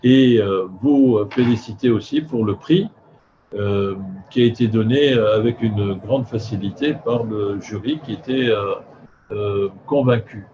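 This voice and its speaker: His fairly low, dark voice comes through dull, faintly noisy video call sound as he hosts a live film festival event. The older man is courteous yet very hesitant, full of long filler pauses, with slightly slurred speech due to loose dentures.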